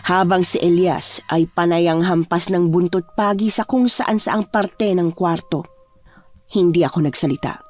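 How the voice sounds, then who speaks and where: A woman narrating a true horror story in first person in a hushed, measured way over faint music. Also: on the low side.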